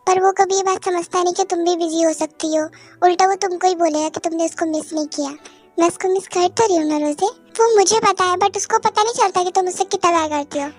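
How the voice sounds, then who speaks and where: A woman's voice: very high voice, no echo. A woman reading all the parts of a fan dub herself, with short narration between lines. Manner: plays all parts in one voice.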